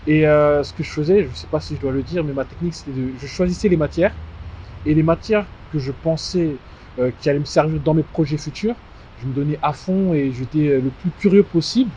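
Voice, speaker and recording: A fashion house founder in his twenties, born in DR Congo and raised in Strasbourg, France, gives conversational answers as an interview guest, often pausing mid-phrase. His voice sits on the high side with a warm tone. The recording sounds dull and muffled, with music behind and a little hiss or hum.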